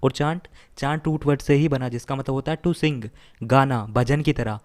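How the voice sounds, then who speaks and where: A male teacher walking learners through word roots, mixing two languages. He restates every meaning several times and checks in with a quick "right?". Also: mid-range voice, a little mellow. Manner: explains slowly, repeats meanings, asks "right?". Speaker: vocabulary teacher. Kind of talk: bilingual vocabulary lesson.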